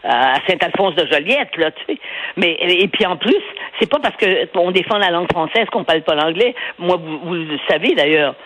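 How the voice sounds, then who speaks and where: An older woman with a Québécois accent chats on a radio program. She is lively and digressive, laughs often, and restarts her sentences as she goes. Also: on the low side, normal speed, no room sound, low-quality recording. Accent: Québécois French. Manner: animated, rambling, laughs often, restarts and stammers. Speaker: newspaper columnist guest. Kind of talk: radio interview conversation.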